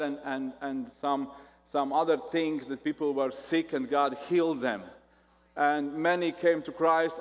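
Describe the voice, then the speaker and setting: A man from Latvia with a Latvian accent, a guest pastor preaching a sermon, talking in a halting way and often repeating words. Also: on the high side, big-room sound.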